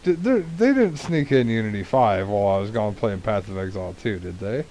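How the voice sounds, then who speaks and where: A man's voice: on the low side, lively intonation, fairly quick, warm tone, rough recording. Joking streamer man with faint hiss. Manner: crude, joking, rambling. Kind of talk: casual chat while gaming.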